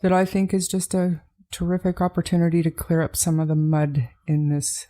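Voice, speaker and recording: Low, mellow-voiced woman podcast host. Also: fairly even intonation, normal speed. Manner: hesitant, many ums and restarts. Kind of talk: casual podcast chat.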